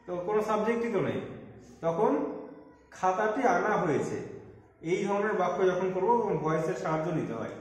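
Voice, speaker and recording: A man with a fairly high voice teaches a grammar class, breaking each point into small steps and firing questions at the students. The room rings with strong echo and a long reverb tail, as in a bare classroom. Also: big pitch swings, a little mellow, far from the mic. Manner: explains step by step, quizzing students with quick questions.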